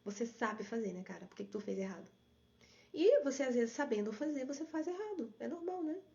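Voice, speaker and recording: Husky-voiced woman therapist live. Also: a little high, animated, fairly quick, mellow, dull audio. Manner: explanatory, reads and answers viewer comments. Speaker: therapist hosting a live stream. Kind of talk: live stream talk to viewers.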